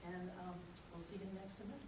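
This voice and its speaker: Fast-talking older woman in an echoey room. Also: fairly low pitch, steady tone, crowd noise. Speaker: program faculty speaker. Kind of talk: informal orientation talk. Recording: distant mic, echoey room, noisy.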